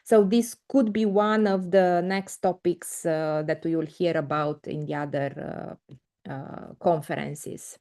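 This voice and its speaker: A woman's voice: fairly low pitch, fairly even intonation, unhurried, a little mellow. A middle-aged woman from Romania giving an online mathematics lecture over a video call, hesitant with many fillers and restarts. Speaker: invited conference speaker. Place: indoor room, video call. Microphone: laptop mic on video call.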